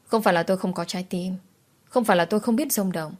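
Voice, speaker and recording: Female audiobook narrator, low-pitched voice, dramatic first-person romance reading. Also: quick pace. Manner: dramatic, emotional storytelling.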